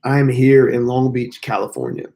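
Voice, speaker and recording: An American man chatting casually on a livestream in a hotel room, his voice hoarse, strained, breaking and mostly lost from sickness. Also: mid-range voice, big pitch swings, normal speed, dark tone. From United States. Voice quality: hoarse, gravelly. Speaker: fitness YouTuber hosting a livestream.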